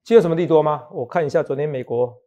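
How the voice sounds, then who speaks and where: A middle-aged man with a Taiwanese Mandarin accent hosts a casual stock market talk show, speaking very fast in a slightly high, mellow voice. He's chatty and teasing, joking and laughing often and asking his co-host "好不好". The audio sounds dull.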